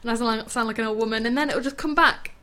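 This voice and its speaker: A woman's voice: a little high, very fast, pushed and bright. A British woman co-hosting a casual podcast, teasing and laughing often, her voice slightly strained from laryngitis. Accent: British English. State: recovering from laryngitis. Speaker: podcast co-host. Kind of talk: casual chat.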